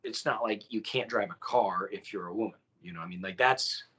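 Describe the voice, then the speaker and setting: A man's voice: lowish voice, fairly quick, bright, forceful tone, breathy edge. A man co-hosting a podcast, chatting casually and rambling with many fillers and restarts. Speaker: podcast co-host. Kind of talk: casual chat.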